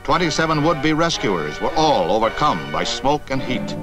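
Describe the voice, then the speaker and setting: A man's voice: mid-range voice, big pitch swings, normal speed. Man narrating an old newsreel. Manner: formal, solemn announcer delivery. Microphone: studio voice-over. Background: loud music.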